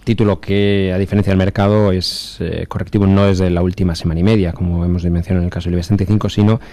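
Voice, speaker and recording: A man's voice: low-pitched, flat delivery, mellow, no room sound. A man working as a market analyst on a radio call-in show, explaining stock charts at length with frequent hesitations. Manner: measured technical explanation with many fillers.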